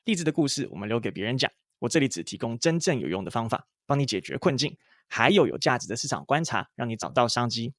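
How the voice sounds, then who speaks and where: A man's voice: mid-range voice, lively intonation, no echo. Taiwanese man hosting, close and dry. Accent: Taiwanese Mandarin. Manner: measured, careful questions in English. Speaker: podcast host. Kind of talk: scripted intro, then interview questions.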